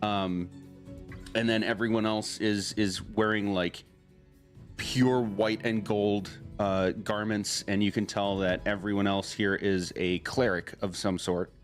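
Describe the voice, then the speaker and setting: Low-voiced man running a tabletop game. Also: flat delivery, faint music behind. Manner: halting, pieces scenes together in short phrases. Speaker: game master. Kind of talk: improvised tabletop game narration.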